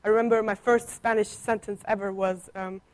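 A young woman with a steady, mid-range, slightly dark voice speaks fairly quickly while giving her church testimony. She's from Germany, grew up speaking Italian and German, and is a visiting guest speaker on placement, chatting with playful teasing humor and a slight cough.

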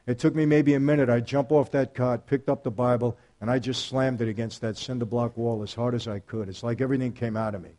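A man giving a faith testimony, storytelling emphatically and speaking straight to his audience, swinging between hushed and loud. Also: medium pitch, steady tone, fast talker, few pauses. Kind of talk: personal testimony talk.

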